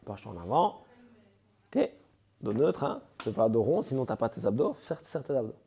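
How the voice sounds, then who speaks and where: Stuffy-voiced Belgian coach from Liège. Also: male voice, medium pitch, very animated, moderate pace, creaky, dark tone, breathy edge. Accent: Belgian French, Liège. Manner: explains step by step, gives direct instructions. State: nasal from a cold. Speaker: CrossFit coach. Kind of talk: coaching a training session. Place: CrossFit gym.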